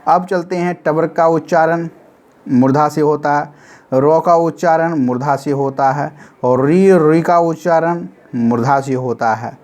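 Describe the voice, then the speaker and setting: A man gives a recorded grammar lesson in a voice a little higher than most men's. He drills short memory formulas by chanting them slowly, over and over, and asks listeners to say them along with him. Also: a little mellow. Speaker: grammar teacher. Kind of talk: classroom-style recorded lesson.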